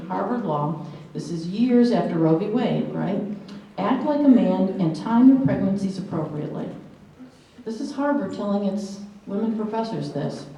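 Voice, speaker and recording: A woman in her sixties delivers an earnest lecture to a live conference audience, her medium-pitched, mellow voice picked up by a distant mic in an echoey hall. She fills the talk with personal anecdotes and acts out quotations.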